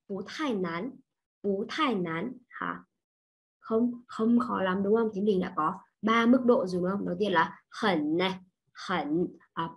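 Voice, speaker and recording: Vietnamese woman, online language teacher, patient, keeps checking in with the class, mid-pitched voice. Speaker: Chinese teacher.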